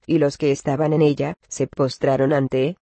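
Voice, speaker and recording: A man reads a religious commentary aloud with a measured, even cadence. His mid-pitched voice is warm and mellow, nearly level, and somewhat creaky, captured in a close, dry recording.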